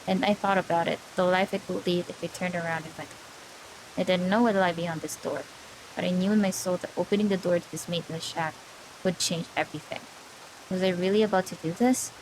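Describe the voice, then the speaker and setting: A woman's voice: fairly low pitch, fairly even intonation, fairly quick, noisy background. A woman streamer reading a visual novel aloud on a live stream, in a dramatic storytelling way that acts out the characters' lines, into a desk microphone.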